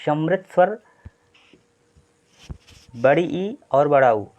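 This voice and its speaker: A man's voice: on the high side, lively intonation, takes it slowly, a little mellow. A man teaching an exam-prep Hindi grammar lesson. He explains step by step, repeats points and often checks in with "thik hai". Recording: slightly dull lo-fi sound.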